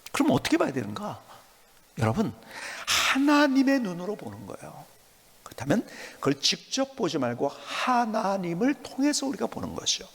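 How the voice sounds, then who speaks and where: A male pastor preaching a sermon, emphatic and animated, at times dropping to a soft whisper. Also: sits high, moderate pace, gravelly, slightly rough, in a large hall.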